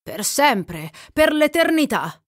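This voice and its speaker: A woman's voice: medium pitch, measured pace, no room sound, studio quality, close to an everyday voice. A woman voicing a gallant young gambler. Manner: smooth, gallant, flattering.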